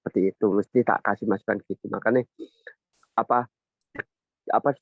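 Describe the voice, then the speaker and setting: A man, sharing about parenting in a casual, halting way on a video call. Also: fairly low pitch, fairly even intonation, no room sound. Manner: halting, many restarts and fillers. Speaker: parent sharing in a church group. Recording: tinny video call audio.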